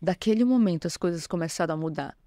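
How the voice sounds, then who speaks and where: A woman's voice: on the low side, quick pace, warm tone, no room sound, clean studio sound. A woman, a bishop, telling her personal testimony in an interview, earnest and emotional. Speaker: bishop, guest.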